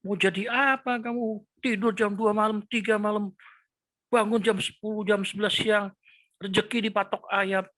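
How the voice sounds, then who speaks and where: A man putting on a shrill nagging scold. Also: level tone, normal speed, fairly bright tone, dry recording. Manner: shrill, scolding, raised pitch.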